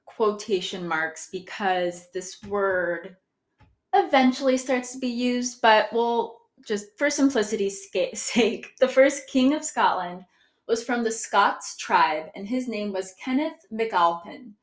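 An American woman hosts a history podcast, explaining things casually, correcting herself and laughing often. She speaks at medium pitch and a slow pace.

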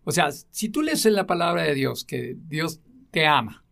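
A man's voice: a little high, expressive, moderate pace, gravelly, fairly bright tone. A man with a Mexican accent, talking casually and earnestly about his faith, rambling with many fillers and tag questions. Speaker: guest sharing his faith.

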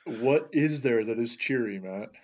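A man's voice: mid-range voice, unhurried. A man co-hosting a casual podcast, talkative and telling long anecdotes. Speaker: podcast co-host. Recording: slightly dull audio.

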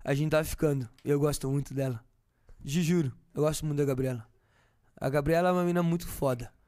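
Tipsy podcast guest, high-voiced man, gushing and profane. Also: fairly even intonation, quick pace, darkish tone. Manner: tipsy, effusive, swears a lot. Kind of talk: casual chat.

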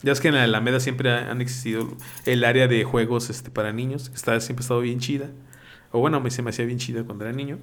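A man's voice: medium pitch, steady tone, quick pace, fairly bright tone. A Mexican man in casual podcast chat, recalling childhood mishaps with frequent laughter. He slips into other people's voices when he quotes them, and his voice sits mid-range. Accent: Mexican Spanish. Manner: storytelling, laughs often, acts out quoted voices. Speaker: podcast co-host.

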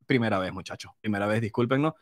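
A young man with a Venezuelan accent hosting a casual live stream, excitable and joking, swearing often. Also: fairly low pitch, fast, dry recording, studio quality. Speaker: host.

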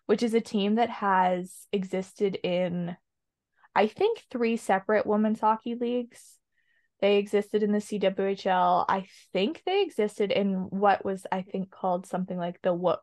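A woman's voice: medium pitch, gravelly, dry recording, studio quality. A woman chatting casually on a podcast, opinionated and rambling with lots of ums. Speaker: podcast co-host. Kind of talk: casual chat.

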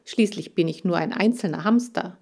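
A woman voicing a cheerful young male hamster in an audiobook, excitable and warm toward his friends. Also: fairly low pitch, moderate pace, gravelly. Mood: eager. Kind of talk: audiobook character voice.

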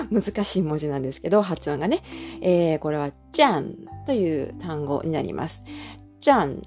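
Lively, low-voiced woman teaching patiently. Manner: patient, step-by-step, with many soft fillers. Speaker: Chinese language teacher. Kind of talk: explanatory audio lesson.

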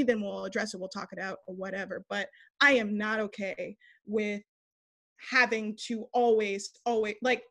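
A young woman, an interview guest, telling a candid story in a blunt, animated way, swearing freely and acting out what people said. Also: on the high side. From United States. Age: young adult.

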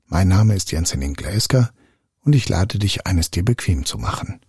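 A man reading a fairy tale as a calm, soothing bedtime story. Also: low-pitched, slightly rough, dry recording, clean studio sound. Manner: slow, soothing, gently hushed. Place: online audio room.

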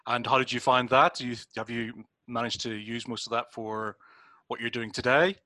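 A man's voice: mid-range voice, fairly even intonation, normal speed, sharp tone, dry recording. A man hosting a casual interview, asking rambling questions with many restarts. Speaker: interviewer, host.

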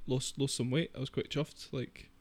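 A Scottish man co-hosting a casual podcast, rambling and halting with many restarts. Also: medium pitch, steady tone. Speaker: podcast co-host. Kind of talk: casual chat.

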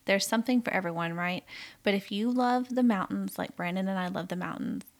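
A woman's voice: medium pitch, fairly quick, gravelly. A woman co-hosting a podcast in casual, rambling chat, laughing often. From Ontario, Canada. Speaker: podcast co-host.

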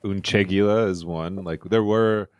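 A man's voice: sits low, steady tone, unhurried, darkish tone, smooth, no echo, clean studio sound. A man co-hosting a casual podcast chat, laid-back and laughing at his own jokes. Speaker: podcast co-host.

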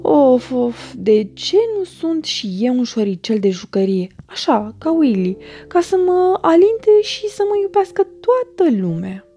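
Lady putting on a lil boy mouse, squeaky high n pleading, kinda breathless. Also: hardly any pauses, mellow, soft background music, natural voice. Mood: longing. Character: high-pitched excited young male mouse.

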